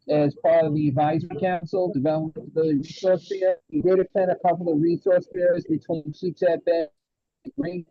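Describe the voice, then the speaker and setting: A man with a fairly high voice speaks in an online meeting while his audio keeps cutting out. The line is dull and lo-fi, and the sound is dry and close. He talks haltingly and restarts his sentences. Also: no echo. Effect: call audio cutting out. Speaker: meeting participant on video call. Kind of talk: casual remarks in an online meeting. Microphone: device mic on a video call.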